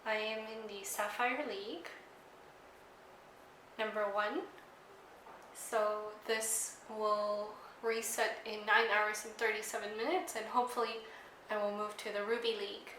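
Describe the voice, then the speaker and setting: A young woman, a native English speaker with an English accent in Spanish, chatting casually for a vlog and haltingly searching for words. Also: medium pitch, little pitch movement, sharp tone. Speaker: language-learning vlogger. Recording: echoey room, faint background noise.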